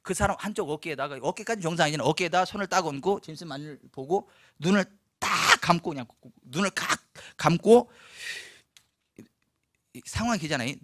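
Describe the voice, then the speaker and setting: A man preaching a storytelling sermon as pastor in a church, animated, acting out the people in his story. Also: on the high side, a little fast, dry recording, studio quality. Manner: animated, acts out quoted voices, laughs often.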